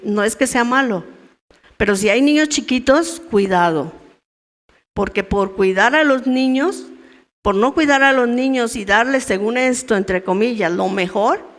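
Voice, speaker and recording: A middle-aged woman gives a chatty church teaching to a group of women. Her voice sits fairly high, and she keeps checking in with her listeners through questions. The sound carries a long echo from the church hall. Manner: conversational, asks the audience questions. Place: church meeting room.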